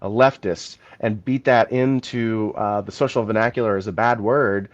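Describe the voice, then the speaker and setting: A man's voice: on the low side, steady tone, moderate pace, highs cut off. A man co-hosting a podcast, talking through a political topic in long, thinking-aloud explanations in a casual chat. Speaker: podcast co-host.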